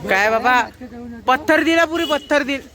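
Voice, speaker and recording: A man's voice: extremely high pitch, normal speed. A young man from Maharashtra vlogging outdoors at a camp farewell, playfully teasing his friends. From Maharashtra, India. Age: young adult. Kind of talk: casual teasing vlog chat. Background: crowd of students chatting.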